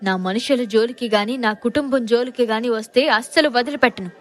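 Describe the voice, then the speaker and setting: Woman voicing a male gangster boss, ruthless, menacing, shouting, audio story. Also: fairly high pitch, fairly quick, natural voice.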